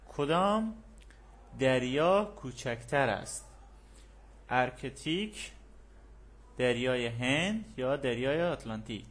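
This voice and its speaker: A man teaching an English textbook lesson, reading the English lines slowly and deliberately, then explaining them in quick, casual Persian with an Afghan Dari accent and frequent fillers. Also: medium pitch.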